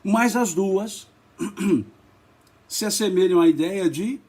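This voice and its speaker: A man with a Brazilian Portuguese accent leading a spiritist study, slow and emphatic, spelling out letters and repeating words. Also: high-pitched, darkish tone. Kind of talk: religious study talk.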